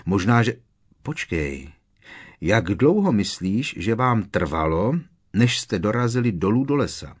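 A man's voice: on the low side, very animated, breathy edge. A man reading aloud, voicing a worried teenage boy wizard who speaks urgently and with emphasis.

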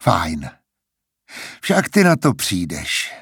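A man's voice: deep voice, huge pitch swings, a bit bright, breathy edge, no room sound, clean studio sound, heavily acted. A man voicing a brash, jealous young man who taunts and sneers, in an audiobook reading. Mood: threatening.

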